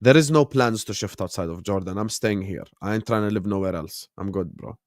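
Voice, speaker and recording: Hosting a football watchalong live stream, a Gulf man in his late twenties reads chat and reacts to the match in laid-back slang, chuckling frequently and responding to viewers directly. His fairly low voice moves fairly quickly and sounds a little mellow. It's studio-quality audio with no room sound.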